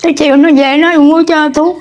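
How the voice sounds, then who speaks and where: An older woman answering an interviewer in short, halting replies. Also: high voice, little pitch movement, darkish tone. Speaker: elderly interviewee. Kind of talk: casual conversation. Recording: dull lo-fi sound.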